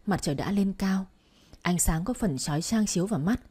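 A woman narrating a bedtime story in a calm, even storytelling manner. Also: medium pitch, brisk, slightly rough.

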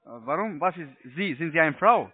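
A man's voice: on the high side, lively intonation, fairly quick, slightly rough, dry recording. A man from the United States who is not a native German speaker, making a cold sales call in broken German in a pushy, insistent way. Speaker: cold caller selling online trading. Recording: tinny phone line.

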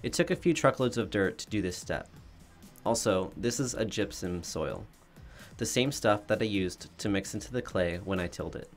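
A DIY renovation vlogger talks through the work on his backyard in voice-over, recorded somewhere other than the yard shown. His lowish voice is expressive and keeps a normal speed, and his narration stays plain and matter-of-fact. Soft music plays behind him.

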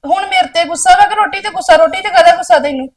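A woman's voice: very high-pitched, racing. A woman playing an exasperated elder sister, scolding her younger sibling in a village drama. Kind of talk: village short film acting.

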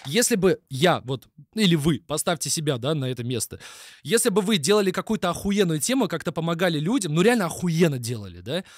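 Fast, animated ranting man streamer. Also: fairly high pitch, dry recording, clean studio sound. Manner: heavy swearing, mocking, ranty. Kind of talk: live stream reaction rant.

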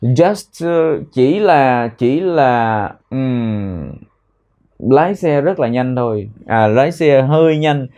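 A man with a Vietnamese accent teaching an English lesson, repeating words slowly to drill pronunciation. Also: medium pitch, animated, warm tone. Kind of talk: language lesson explaining phrases.

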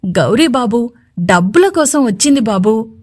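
A woman playing a frightened underling who pleads humbly in a storybook drama. Nervous and deferential, with a fairly high voice. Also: expressive, a little slow, a little mellow. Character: timid servile man, frightened underling.

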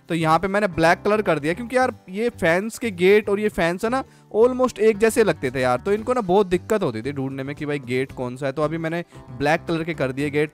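Chatty man narrating gameplay, slightly high voice. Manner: chatty, keeps calling viewers "guys" and "bhai". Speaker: gaming channel host. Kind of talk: casual gameplay commentary.

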